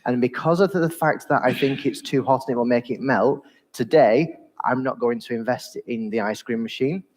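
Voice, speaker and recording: A man hosting and judging a school pitch event, giving measured, courteous feedback, his voice ringing with a long echo in a big hall. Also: darkish tone. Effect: long booming hall echo. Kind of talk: formal feedback and introductions. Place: large echoing hall. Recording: reverberant hall recording.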